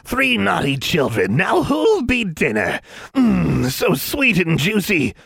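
A man voicing a greedy, cackling child-sized pond monster that gloats and turns shrill when angry. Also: huge pitch swings, slow, creaky, fairly bright tone, breathy edge, no room sound, studio quality, exaggerated voice. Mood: gloating.

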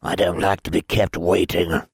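A man voicing a cold, imperious male dark lord in an audiobook, speaking in slow, clipped commands. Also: deep voice, little pitch movement, vocal fry, slightly rough, no echo, studio quality, full character voice. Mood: commanding. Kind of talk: audiobook character voice.

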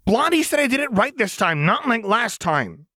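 A man's voice: very high voice, very animated, normal speed, pushed and bright, no room sound, clean studio sound, pitched above the performer's own voice, exaggerated voice. A man voicing a volatile, unstable young woman mechanic who shrieks and rants frantically. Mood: manic ranting.

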